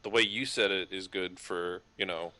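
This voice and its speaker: Lower-voiced man arguing his point. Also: steady tone, moderate pace, sharp tone, no echo. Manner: argumentative, hedging with fillers, swearing. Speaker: podcast co-host. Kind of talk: casual sports chat.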